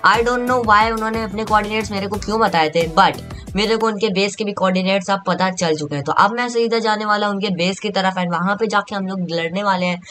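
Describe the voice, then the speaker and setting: A young man giving excited gameplay commentary as a gaming YouTuber, repeating words in a rush. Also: high-pitched, a little fast. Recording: background music under voice.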